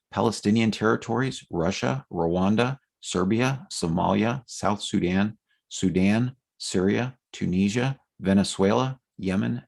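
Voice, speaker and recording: A man's voice: on the low side, vocal fry, a little mellow. A man from the United States, presenting a policy platform in an unscripted explanatory talk with fillers and restarts.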